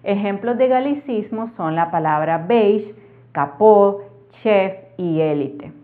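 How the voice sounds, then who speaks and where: A woman with a Latin American Spanish accent gives a methodical grammar lesson, working through one example after another. Her voice sits at an ordinary middle pitch. The sound is thin and narrow, as if it came down a phone line. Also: unhurried. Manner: clear, methodical explaining with examples. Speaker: Spanish language teacher. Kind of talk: explanatory lesson.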